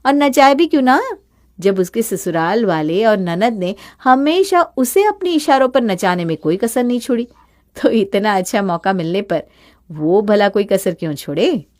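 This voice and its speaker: A woman reading scripted narration for an animated story in a steady, plain manner. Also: medium pitch, normal speed.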